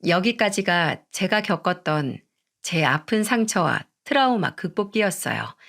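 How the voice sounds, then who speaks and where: A woman in her thirties calmly narrating a listener's story in the first person, in a measured way. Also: on the low side, creaky.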